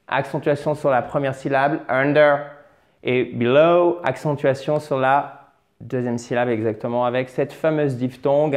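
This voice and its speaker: A man teaching English pronunciation in French, patiently repeating and drilling words, with chatty asides and self-corrections. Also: mid-range voice. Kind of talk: French-language English lesson at a board.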